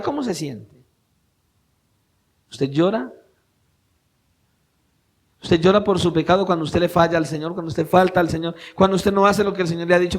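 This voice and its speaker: A man with a notably high voice preaches to his congregation in church. He presses his points with rising emphasis, then drops into soft, intimate asides, and keeps turning rhetorical questions on his listeners. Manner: swings between raised emphatic preaching and quiet intimate asides. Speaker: pastor. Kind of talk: sermon.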